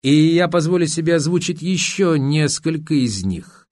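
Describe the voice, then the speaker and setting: A man reads a retired army officer turned party leader who addresses a room of powerful people in an audiobook. He speaks with calm, measured formality and a lifted, slightly animated delivery. The recording is dry, with no room sound. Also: fairly high pitch, no echo, voice pushed up, natural voice. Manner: measured, formal speech-making.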